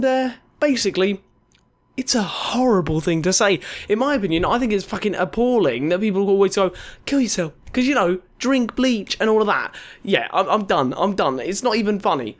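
A young male gaming YouTuber doing a casual countdown, ranting sarcastically and swearing freely, his speech slightly slurred by a dental retainer. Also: high-pitched.

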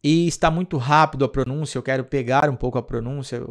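A man's voice: mid-range voice, fast. Brazilian man explaining an app step by step. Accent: Brazilian Portuguese. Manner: patient, explanatory, checks in with "tá?" and "olha só". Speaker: English teacher. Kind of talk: screen-recorded app tutorial.

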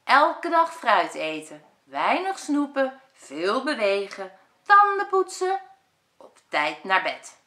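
A woman voicing a bossy, sporty boy who lectures his brother about healthy living, in a loud, lively way. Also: fairly high pitch, slow pace, voice pushed up, heavily acted. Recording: echoey room.

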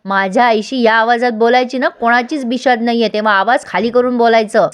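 A woman's voice: on the high side, steady tone, fairly quick, smooth, lightly acted. A woman doing an indignant, fierce daughter. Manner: firm, indignant. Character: fierce grown daughter defending her mother.

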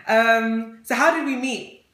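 A talkative Ghanaian woman in her twenties co-hosts a vlog, chatting casually to camera and laughing often. Her fairly high, slightly bright voice moves at a slow pace, and the indoor room with a plain wall gives a roomy echo.

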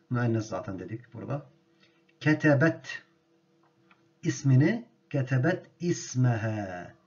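Man, language teacher, grammar lesson, slow measured delivery, repeats words for drilling, muffled lo-fi recording. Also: mid-range voice, a little mellow. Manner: slow and deliberate, repeating each word for drilling.

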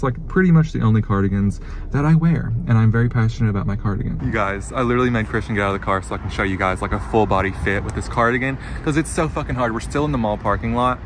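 A young man in his twenties vlogging on his phone, excitable and chatty, swearing freely and saying "like" a lot. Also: mid-range voice, a little hiss or hum. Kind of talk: casual vlog talk to camera. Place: inside a car, then a hotel room, then an outdoor street. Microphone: phone camera held at arm's length.

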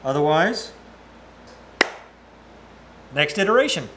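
A middle-aged man with a slightly high voice keeps up a casual, joking running commentary to himself as he builds. He is recorded on a small mic in a big arched metal workshop. A faint hum sits under his voice. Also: big pitch swings, slow. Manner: jokey, talks to himself while working. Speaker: maker and woodworking host. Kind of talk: casual workshop vlog talk.

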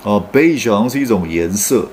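A man teaches English sounds in an online class, and his pitch rises and falls a lot as he explains. He uses frequent "oh" fillers and says each sample word slowly and carefully. A faint hiss of room noise sits under his voice. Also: expressive, a little mellow. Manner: explains patiently with frequent "oh" fillers, then models words slowly. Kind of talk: online pronunciation lesson.

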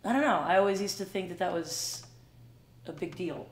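A middle-aged woman hosting a casual chat, speaking in a halting, self-deprecating way. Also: lowish voice, reverberant, a little hiss or hum. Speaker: host, singer-guitarist. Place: small wood-paneled room at home.

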